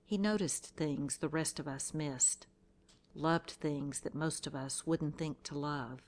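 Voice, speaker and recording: A woman reading a scripted devotional in a calm, reflective, measured way. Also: deep voice. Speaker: devotional reader.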